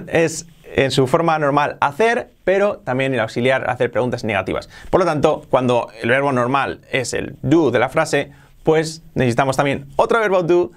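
A man teaching English grammar in casual Spanish, repeating English example sentences slowly and clearly. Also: mid-range voice. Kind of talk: explaining grammar to learners.

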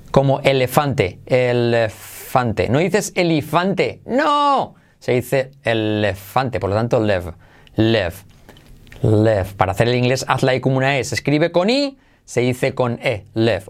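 A man hosting a podcast pronunciation lesson, energetic and drilling each word by slow repetition. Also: medium pitch. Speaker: English pronunciation teacher, podcast host.

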